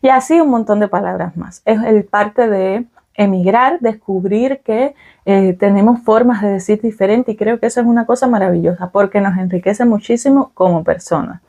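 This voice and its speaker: In a dark, mid-range voice at normal speed, a young Cuban woman chats to the camera for her vlog. Her Cuban Spanish accent comes through as she explains things, leaning on fillers and frequent "ok?"s.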